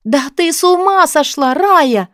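Woman reading as a blunt excitable student girl, loud and indignant, higher voice, dry close mic. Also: unhurried, no echo. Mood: businesslike. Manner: loud, indignant, mocking outbursts. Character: young female student friend, blunt and excitable.

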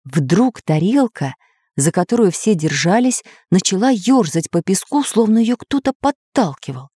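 A woman narrating a children's audiobook in an expressive reading voice. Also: medium pitch, a little slow, breathy edge, dry recording, clean studio sound.

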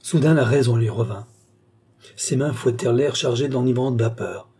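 Brief: male narrator for a classic novel, warm husky tone, measured. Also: medium pitch. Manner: measured, dramatic reading. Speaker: audiobook narrator. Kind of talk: literary audiobook narration.

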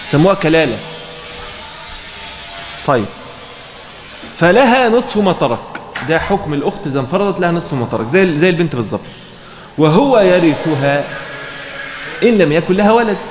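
A man's voice: high voice, slight background noise. Egyptian man teaching in an echoey room. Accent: Egyptian Arabic. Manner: reads a passage, then explains it with frequent check questions. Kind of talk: explaining a fiqh text in a lesson. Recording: roomy echo, faint background ambience.

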